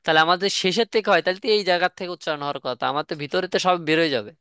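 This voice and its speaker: A man's voice: high-pitched, very fast, bright, forceful tone, clean tone, no echo, clean studio sound. A man teaching Quran letter pronunciation in a live online class, repeating questions and asking students to respond.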